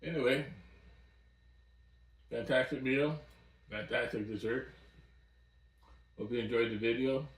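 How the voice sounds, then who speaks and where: A man's voice: mid-range voice, unhurried, pauses often, far from the mic. A man in his sixties, an outdoors vlogger, chatting to the camera in an easygoing, folksy storytelling way, indoors in a small cabin. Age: 60s. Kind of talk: casual chat to camera. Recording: roomy sound from off-mic.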